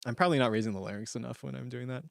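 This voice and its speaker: A man streaming live, joking around and quick to laugh at himself, chatting casually about voice training. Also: mid-range voice, creaky, dry recording, studio quality.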